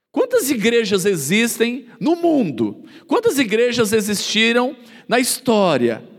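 High, lively-voiced man preaching in a reverberant hall. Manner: emphatic preaching, rhetorical questions, acts out quoted voices. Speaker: pastor. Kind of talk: sermon.

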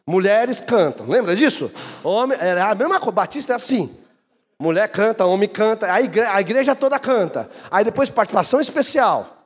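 A man, a pastor preaching a sermon and telling stories with lively swings of voice. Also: brisk, husky. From Brazil. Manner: animated storytelling, swings between high and low pitch. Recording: reverberant church hall.

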